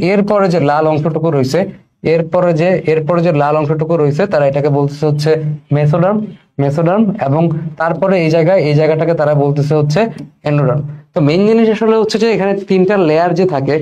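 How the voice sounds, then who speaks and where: A young male biology teacher, his voice set a little high for a man. It has a soft, mellow tone. He repeats each key term several times and keeps checking that students are following. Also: low-quality recording. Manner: repeats key terms and keeps asking "okay?". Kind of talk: recorded exam-prep lesson.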